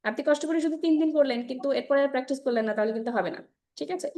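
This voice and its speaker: Woman teaching English pronunciation, fairly high. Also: darkish tone. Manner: explains in Bengali mixed with English, drills sounds slowly, checks with "ঠিক আছে?". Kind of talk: online class lesson.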